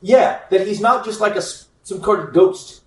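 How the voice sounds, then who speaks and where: A man's voice: sits high, moderate pace, far from the mic, slight background noise. Man teaching scripture in an echoey room. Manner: informal, joking, checks in with frequent "okay?". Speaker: Bible teacher. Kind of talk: conversational Bible teaching to a group. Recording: echoey room, speaker away from the mic.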